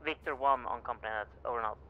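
Give me a man calling in over a walkie-talkie radio with a loud, clipped radio-procedure delivery. He speaks as a player checking in on a military company net. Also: mid-range voice, racing, narrow, tinny audio, background noise.

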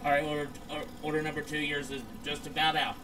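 A man's voice: on the high side, little pitch movement, fast. A man making friendly, polite small talk in character during a casual online game role-play. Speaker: player acting as a pizzeria owner. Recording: clear background noise.

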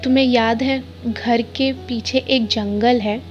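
Woman, casual story retelling, quotes characters in her own voice, fairly high voice, muffled lo-fi recording. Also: fairly even intonation, takes it slowly. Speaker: storyteller summarizing a novel. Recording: dull lo-fi sound with faint music.

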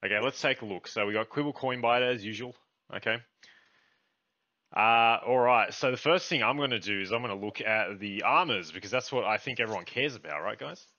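A young man with a lowish, bright, forceful voice chats casually with his viewers and swears without a second thought. The sound is dry and a bit dull, like a cheap close microphone. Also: a little fast, no room sound. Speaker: YouTube host. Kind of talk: casual gaming chat.

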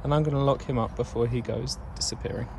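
A man's voice: mid-range voice, steady tone, quick pace, creaky, very noisy. A young British man talking casually to camera from a van cab on a road trip, cheerful and easygoing. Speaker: vlogger. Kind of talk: casual travel vlog chat. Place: inside a van cab, driving.

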